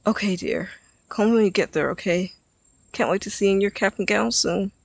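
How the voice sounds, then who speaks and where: A man voicing a tired, worried mother who speaks softly and wearily in a storybook reading. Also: high voice, moderate pace, creaky, no echo. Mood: weary pleading. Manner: soft, weary and pleading. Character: tired, worried mother pleading with her son.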